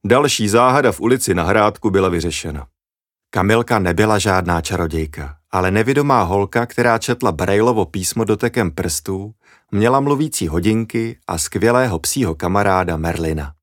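A man reading a children's story aloud in a lively, expressive way. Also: fairly low pitch, no echo, studio quality.

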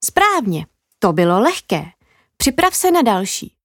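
A woman voicing a sly, teasing female magpie in a children's story, talking in a knowing, playful, drawn-out way. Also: fairly high pitch, big pitch swings, fairly bright tone, no room sound, clean studio sound, full character voice.

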